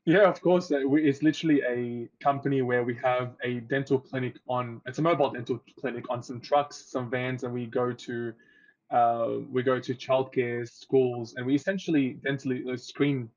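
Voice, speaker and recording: A young man from Egypt talks in a relaxed, chatty way about his work as a guest on a podcast. His voice stays fairly flat in pitch. The sound is dull and lo-fi. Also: normal speed. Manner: relaxed, chatty, laughs easily, restarts. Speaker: oral health therapist, guest. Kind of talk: casual interview. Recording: dull lo-fi audio.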